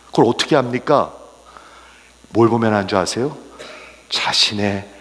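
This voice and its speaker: A male pastor preaching a sermon, swinging from raised exclamations to hushed, whispered asides and mixing English words into his Korean. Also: on the low side, unhurried, long reverb tail.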